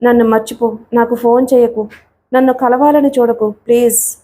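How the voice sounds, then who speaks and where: Woman reading quiet sad young woman, hushed, high mellow voice. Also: fairly even intonation, moderate pace, close to an everyday voice. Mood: sorrowful. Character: young woman, torn and sorrowful.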